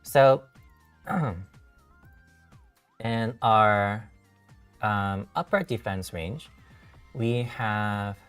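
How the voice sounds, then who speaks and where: A man who is a software engineer, hosting a tutorial stream and explaining code step by step, halting with many fillers and self-corrections, his voice a little worn. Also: on the low side, clean tone, far from the mic, soft background music. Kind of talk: live-coding tutorial walkthrough.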